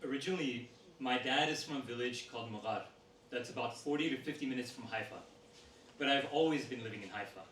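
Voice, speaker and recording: A man reads interview answers aloud in a steady, measured way. His voice is caught from a distance in an echoey room. A faint hiss sits underneath. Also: mid-range voice. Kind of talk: reading a text aloud to an audience. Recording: roomy sound from a distant mic with faint noise.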